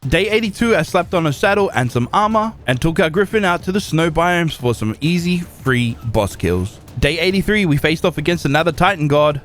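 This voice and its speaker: Young man, gaming narration, lively swooping pitch, slightly high voice, faint hiss behind. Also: normal speed, few pauses. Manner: lively and excitable, with sudden exclamations. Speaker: gaming YouTuber. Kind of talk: narrated gameplay recap with live reactions.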